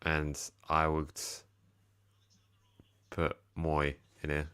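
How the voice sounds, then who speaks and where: Deep-voiced guy chatting footy with a mate, reading comments out. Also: completely flat delivery, very slow, bright, forceful tone, smooth. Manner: chatty, reads out viewer comments. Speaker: co-host of a football fan channel. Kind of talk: casual chat.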